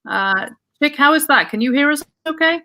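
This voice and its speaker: A woman's voice: high-pitched, lively intonation, moderate pace, bright, forceful tone. A woman hosting a casual live-stream chat, upbeat and chatty as she works around tech hiccups. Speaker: host.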